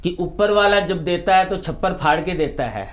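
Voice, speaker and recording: A man reciting humorous poetry, telling the story in an unhurried way with comic timing. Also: high-pitched, animated. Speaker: poet.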